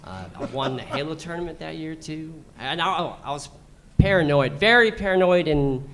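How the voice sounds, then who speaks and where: A man on a panel reminiscing in a halting, hesitant way. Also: a little high, creaky, a bit bright. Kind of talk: casual reminiscing.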